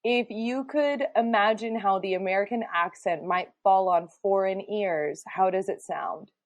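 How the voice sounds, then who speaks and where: A woman's voice: mid-range voice, a little slow, no echo. A woman co-hosting a podcast in casual, playful, teasing chat. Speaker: podcast co-host.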